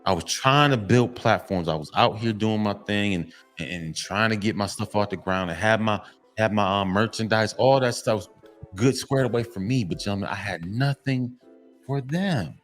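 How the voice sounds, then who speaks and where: A man's voice: lowish voice, normal speed, soft background music. Earnest man preaching to fathers. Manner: emphatic, repetitive, restarts often, preachy. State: tearful at times. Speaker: vlogger addressing fathers. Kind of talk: heartfelt motivational monologue.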